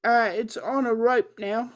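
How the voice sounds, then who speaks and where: A woman playing a tabletop game, chatting casually and briskly agreeing with the game master. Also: on the high side, fairly even intonation. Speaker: player.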